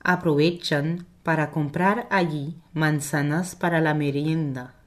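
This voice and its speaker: A woman narrating a children's storybook in a slow, clear and measured way. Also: low-pitched, fairly even intonation.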